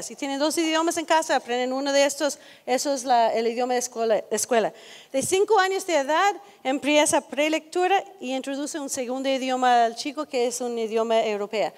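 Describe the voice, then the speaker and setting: A high-pitched woman gives an educational talk in a relaxed, conversational way, repeatedly turning questions back to her audience. A long reverb on her voice suggests a large hall.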